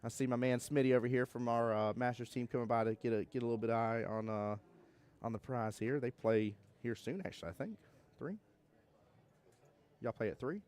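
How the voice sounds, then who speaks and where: A young adult man from Georgia, USA, with a Southern accent commentates a pool tournament on a live stream, joking and chatting with viewers in a laid-back way. His medium-pitched voice is fairly quick and a little mellow.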